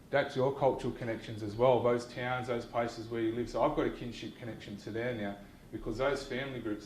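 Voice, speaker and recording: A young Australian man giving an informal university lecture, talking in a relaxed and conversational way with many ums and restarts. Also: mid-range voice, roomy sound, a little hiss or hum, low-quality recording. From New South Wales, Australia. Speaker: guest lecturer.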